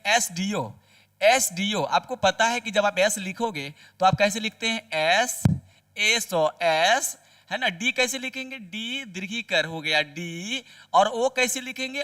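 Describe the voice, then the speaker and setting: High, bright-voiced male Hindi teacher. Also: recorded from a distance. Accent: Hindi-speaking Bihar. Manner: repeats each answer after asking it aloud. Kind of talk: grammar lesson with rhetorical questions.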